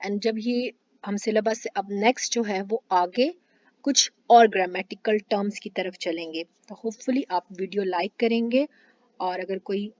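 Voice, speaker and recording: A woman teaching a language lesson, slowly stretching out syllable drills and mixing English words into her explanations. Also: mid-range voice, darkish tone, dry recording, dull audio.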